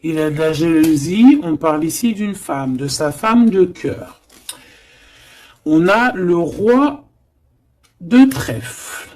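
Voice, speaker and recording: A woman's voice: on the low side, a little mellow. A woman giving a tarot card reading, chatty and emphatic, with frequent hesitations and asides. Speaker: tarot reader.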